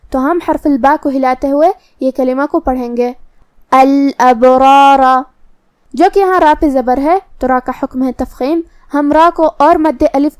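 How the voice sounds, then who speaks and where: High-voiced woman teaching Quran recitation. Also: darkish tone, dry recording. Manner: slow, drawn-out recitation between plain explanations. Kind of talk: tajweed lesson with slow recitation.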